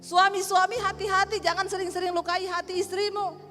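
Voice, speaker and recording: High-voiced female pastor preaching. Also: a little fast. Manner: lively, humorous, acts out dialogue. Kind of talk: sermon with storytelling. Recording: long reverb hall with music.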